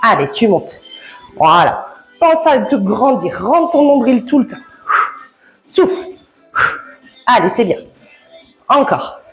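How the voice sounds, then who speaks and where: A woman's voice: on the high side, big pitch swings, slow pace, pauses often. A woman coaching a home workout, chatty and encouraging, laughing often and slightly out of breath. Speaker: fitness coach. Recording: echoey room with background music.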